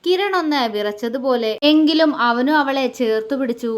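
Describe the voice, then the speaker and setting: Woman storyteller, high voice, calm even reading of a love story. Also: moderate pace. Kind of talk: scripted narration.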